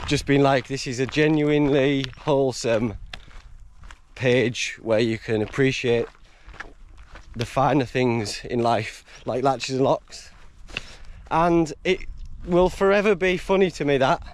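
On a long hike over a country road and moorland, a vlogger with a camera at arm's length chats casually and goes over his map, tired, rambling and laughing often. His medium voice is fairly even, unhurried and full of pauses, with a little hiss or hum.

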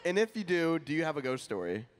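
A young man with a lively voice that swings up and down and sits a bit high co-hosts a live stage podcast. He fires playful questions at the guests. Faint noise sits under his voice. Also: fast talker. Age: 20s. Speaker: podcast co-host. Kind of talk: casual chat on a live stage. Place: convention stage before a live audience. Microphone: handheld mic.

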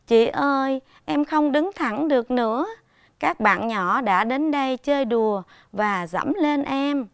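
A woman's voice: a little high, lively intonation, measured pace, a bit bright, clear, resonant tone, no echo, studio quality. A woman voicing a tearful little grass sprout. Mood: hurt, aggrieved. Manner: plaintive, aggrieved storybook reading.

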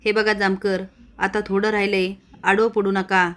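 A defiant old village elder rallies the villagers against the police in a retold serial, as a woman narrator puts him on. His voice is even and flat. He pushes back firmly. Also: medium pitch, moderate pace, lightly acted. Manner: defiant, rallying.

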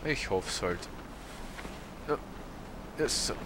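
A man's voice: mid-range voice, animated, drawn-out words, background noise. A man, casually commentating a video game as a let's play host, hesitant and full of fillers. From Austria. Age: 30s. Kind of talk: gameplay commentary.

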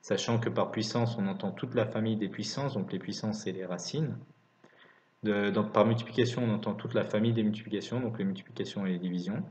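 A man's voice: on the low side, quick pace, darkish tone. A man teaching maths in a scripted lesson narration, dictating calculations piece by piece. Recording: roomy, slightly dull recording.

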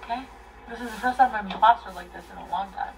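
A woman's voice: medium pitch, fast, creaky, far from the mic, slight background noise, low-quality recording. A drunk woman in her thirties rambling and swearing casually to livestream viewers, emotional and volatile, recorded in a bedroom. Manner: emotional, swinging between crying, laughing and shouting. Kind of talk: casual live chat, rambling and profane. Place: small bedroom, indoors.

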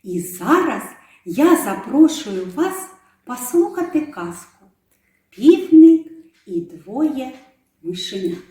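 Female storyteller, gentle children's intro, high and lively, very roomy echo. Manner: slow, gentle address to children. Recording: very echoey room.

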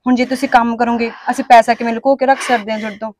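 An actress with a Punjabi accent playing an earnest, kind-hearted young daughter-in-law who talks back at home and consoles a stranger. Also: female voice, on the high side, flat delivery, very fast, darkish tone, lightly acted. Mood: consoling. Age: young adult. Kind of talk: village family drama acting.

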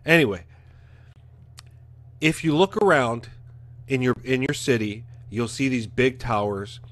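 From his living room, a Canadian show host in his forties delivers a frank, informal rant to the camera through a studio mic positioned in front of a webcam. His voice sits mid-range and runs a little slow.

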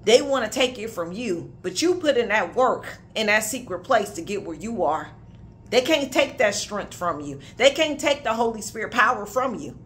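A woman's voice: mid-range voice, very animated, moderate pace, a bit bright. A woman, preaching a prophetic sermon with emphatic conviction and casual asides. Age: 30s. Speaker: minister.

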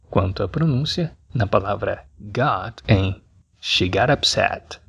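A man with a Brazilian Portuguese accent teaching English, slowly repeating phrases to drill their pronunciation. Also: fairly low pitch, creaky, a bit bright, breathy edge. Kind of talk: scripted language lesson.

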